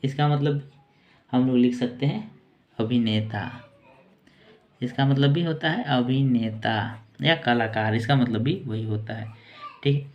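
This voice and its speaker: A man teaching English vocabulary in a casual, repetitive way, saying each word slowly and repeating it. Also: medium pitch, steady tone, lo-fi sound. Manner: slow, repetitive word-by-word explaining.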